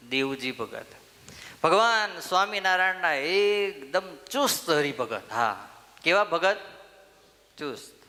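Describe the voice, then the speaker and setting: A man's voice: on the high side, sharp tone. A man giving a temple sermon, telling a story and putting questions to the listeners, then answering them himself. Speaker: swami giving a temple discourse. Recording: long hall reverb.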